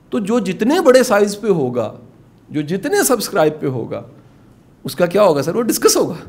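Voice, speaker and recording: A middle-aged man with a Punjabi accent, talking informally and earnestly to course participants, urging them and dropping in English phrases. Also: fairly high pitch. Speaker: motivational speaker teaching a course. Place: indoor classroom with participants.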